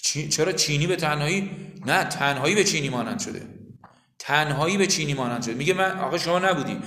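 A man's voice: a little high, animated, pushed and bright. A man teaching a literature lesson in a classroom, who explains patiently, repeats key terms and quizzes his students. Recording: echoey classroom recording.

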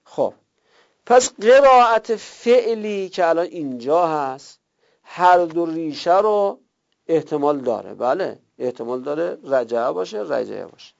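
Gravelly man teaching slowly, lo-fi. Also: a little high, animated. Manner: slow drawn-out repetition of terms; explains step by step, checks students' notes. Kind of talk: classroom lesson on Arabic word roots.

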